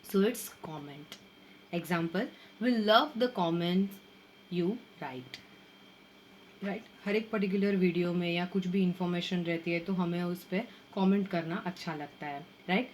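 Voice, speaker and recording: Slow, careful woman teaching pronunciation. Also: fairly low pitch, darkish tone, a little hiss or hum. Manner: slow, drawn-out repetition of model words. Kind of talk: Hindi-English mixed lesson.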